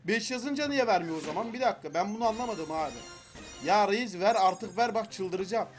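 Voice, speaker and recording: A young man giving excited gameplay commentary, frustrated and pleading with the game as he opens loot boxes. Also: sits high, a little fast, faint music behind. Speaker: gaming YouTuber.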